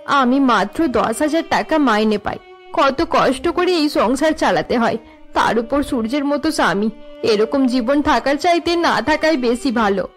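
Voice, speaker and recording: A worn-down cartoon wife, voiced by a woman argues with her husband in a sharp, exasperated tone, her voice high and pressed. Music plays softly behind her. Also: moderate pace, natural voice. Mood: tearful. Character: weary working wife, fed up with her drunk husband.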